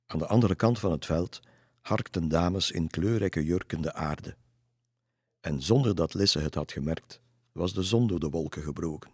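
Low husky man reading a story. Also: darkish tone, no echo, clean studio sound. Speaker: narrator.

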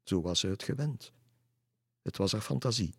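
A man narrating a children's storybook in a calm, measured reading voice, recorded on a close mic. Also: lowish voice, breathy edge, dry recording.

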